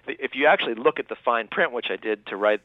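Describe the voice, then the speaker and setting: A man's voice: medium pitch, fast talker, no echo. Man in his thirties on a phone line. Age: 30s. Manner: earnest, full of restarts and filler. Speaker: guest, newspaper writer. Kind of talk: radio interview, explaining. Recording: thin phone-line sound.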